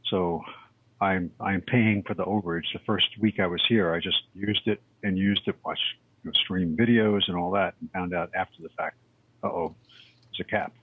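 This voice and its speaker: A man's voice: low voice, steady tone, moderate pace, slightly rough. A man calling in over an internet call on a headset, chatting casually and correcting himself as he rambles. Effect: heard over a tinny internet call. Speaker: call-in guest. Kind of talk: casual chat. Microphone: headset on a video-call app. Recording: tinny phone-like call audio.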